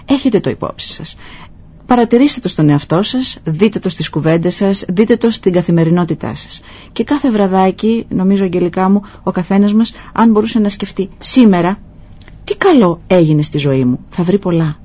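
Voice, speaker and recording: A woman hosting a talk show, speaking softly and telling stories with pauses and fillers. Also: mid-range voice, slightly rough. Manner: soft-spoken, storytelling with pauses and fillers. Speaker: host. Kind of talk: reflective talk-show conversation. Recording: dull lo-fi sound.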